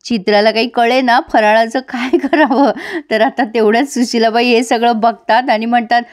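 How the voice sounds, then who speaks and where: High-voiced woman recapping a TV serial. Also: fairly even intonation, moderate pace. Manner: chatty, addresses viewers directly. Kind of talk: casual serial recap narration.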